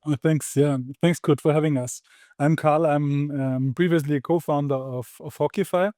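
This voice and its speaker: A man speaking as a podcast guest, measured and a bit hesitant with ums. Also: on the high side, steady tone, mellow, dry recording, clean studio sound. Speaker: guest, startup founder. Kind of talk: casual podcast conversation.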